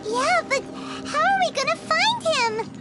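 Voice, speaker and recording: Paimon, a squeaky tiny companion girl. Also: expressive, unhurried, pushed and bright, full character voice. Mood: uneasy. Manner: chatty, exclamatory, speaks of herself by name. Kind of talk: video game voice acting. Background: game music.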